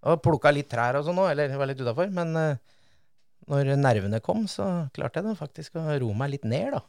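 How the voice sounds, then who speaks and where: A man speaking as a podcast guest, telling lively racing stories with sudden bursts and laughs. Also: a little high, creaky, no echo, studio quality. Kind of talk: casual podcast chat.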